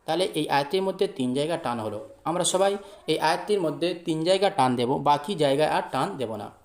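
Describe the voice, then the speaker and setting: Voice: medium pitch, lively intonation, fairly quick, echoey room. A Quran teacher who patiently spells out each letter and vowel, explaining step by step and drawing out the vowels when reciting.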